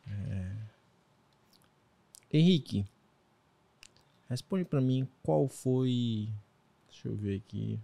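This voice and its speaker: A man's voice: medium pitch, animated, drawn-out words, vocal fry, long pauses, mellow. A man with a Brazilian Portuguese accent asking questions in a casual podcast interview, chummy and joking.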